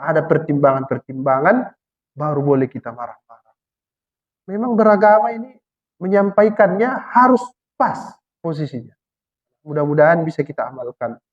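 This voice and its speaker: A man preaching a Quranic exegesis sermon, putting questions to the congregation and answering them himself, and slowing right down to recite verses. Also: a little high, expressive. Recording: dull lo-fi recording.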